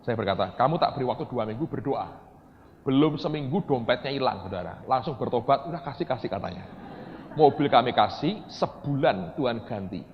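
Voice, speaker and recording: A man preaching a sermon, telling a story in a lively way that swings from quiet asides to shouted excitement. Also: mid-range voice, a little fast, slight background noise. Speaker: pastor. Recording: dull lo-fi church hall recording with echo.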